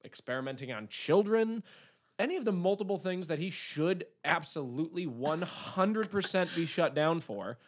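Animated, sarcastic male podcast co-host. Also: a little high, normal speed. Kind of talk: casual chat.

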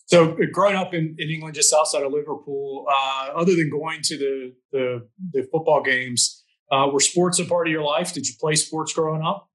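A man hosting a podcast interview, friendly and a bit halting with fillers. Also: a little high, fairly even intonation, a bit bright, poor audio. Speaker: podcast host.

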